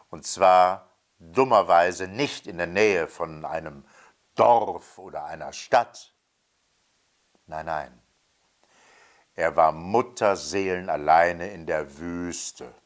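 A man, a puppeteer and educator, telling a story to young children and speaking to them directly. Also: sits low. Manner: slow, lively, addresses the children directly.

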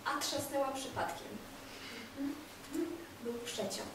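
A sarcastic, volatile jilted young woman, played by an actress in a stage monologue, her voice very high. She veers between hushed bitterness and outbursts. The sound is distant and drenched in hall echo, with faint ambience behind. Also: slow pace, very noisy. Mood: heated. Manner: sarcastic, swings from hushed to shouting. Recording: very echoey, from far off.

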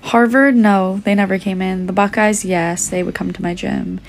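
A young adult woman answers fan questions in a casual phone livestream from a small indoor room, holding the phone at arm's length. She's losing her voice, which is medium-pitched and steady with vocal fry at a moderate pace. Slight background noise is present.

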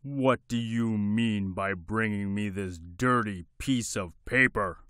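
A man voicing a pompous, angry king with a big, deep, gruff voice, shouting in a storybook reading. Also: wildly swooping pitch, takes it slowly, no room sound, clean studio sound, heavily acted. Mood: furious.

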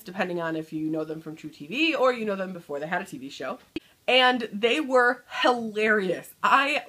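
Her voice is medium in pitch and a little bright. Filming at home in a small room, the thirty-something book vlogger from Michigan keeps things casual, upbeat and chatty, with her thoughts tending to trail away at the end.

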